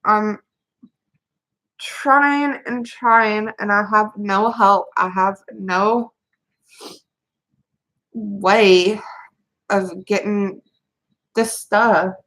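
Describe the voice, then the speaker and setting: A mother of three venting to her camera, halting and rambling with many restarts as she holds back tears. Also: medium pitch, fairly even intonation, a bit bright, poor audio. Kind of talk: tearful personal venting to camera.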